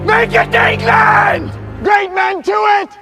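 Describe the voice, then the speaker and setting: A man's voice: extremely high pitch, steady tone, takes it slowly, gravelly, raised voice, music in the background, heavily acted. An actor playing a young English king in a film, roaring a fierce, defiant rallying speech to his army. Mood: fierce, rousing. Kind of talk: film drama battle speech.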